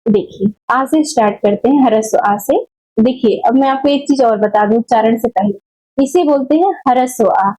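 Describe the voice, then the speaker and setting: A woman teaching a Hindi grammar lesson, explaining slowly and deliberately and correcting common mistakes. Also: high voice, a little mellow, muffled recording. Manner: slow, deliberate explaining with repeated checks; corrective, scolding about wrong teaching. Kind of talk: exam-prep grammar lesson.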